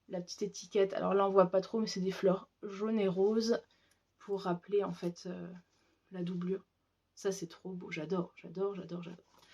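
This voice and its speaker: A woman's voice: medium pitch, darkish tone. A woman chatting casually and enthusiastically as a craft vlogger, showing her handmade pouches, with lots of fillers. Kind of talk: casual show-and-tell.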